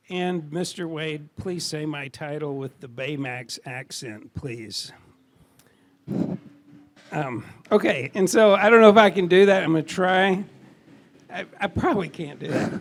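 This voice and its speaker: Male teacher hosting a thesis defense, high voice, halting read-aloud delivery. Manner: hesitant, self-correcting. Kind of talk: reading acknowledgments aloud.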